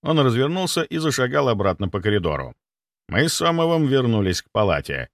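A man reading a story aloud as the narrator, with a dry, lively manner. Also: medium pitch, brisk, dry recording. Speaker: audiobook narrator. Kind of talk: scripted narration.

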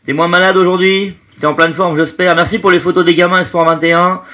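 A high, pushed and bright voice with flat delivery and a quick pace belongs to a man live streaming from his home. Hay fever has him stuffed up as he chats casually, names each viewer in greeting, and tails off with fillers.

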